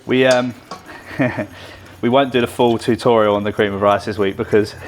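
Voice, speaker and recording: A young man coaching and hosting a casual vlog, chatty and relaxed with frequent fillers. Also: on the low side, normal speed, a little hiss or hum. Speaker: bodybuilding coach and channel host.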